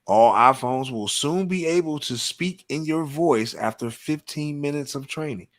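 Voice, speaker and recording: A podcast host with a fairly high, somewhat slow voice runs a live show full of casual, profane, emphatic banter. He keeps repeating "you know what I'm saying."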